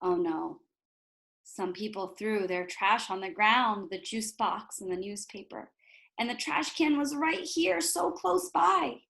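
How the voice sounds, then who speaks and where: A woman's medium-pitched voice, a little slow and showing vocal fry, carries an expressive, teacher-like reading of a picture book for young children. Animated and instructive, she adds explanatory asides and asks her young listeners rhetorical questions.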